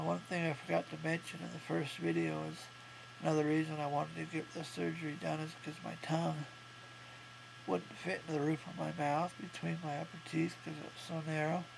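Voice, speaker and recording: A man in his thirties, a vlogger recovering from jaw surgery, talks in a halting, matter-of-fact video-diary way. Congestion keeps him from breathing through his nose, leaving him thick-mouthed, and his voice is heavy with fry and nearly monotone. The home recording is clearly noisy, with hum.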